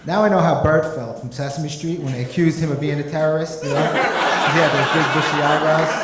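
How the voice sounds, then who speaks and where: A stand-up comic with a fairly high voice talks conversationally into a handheld microphone at a moderate pace with fairly even intonation, often saying "you know." The club recording is roomy, with background noise and loud laughter from the crowd.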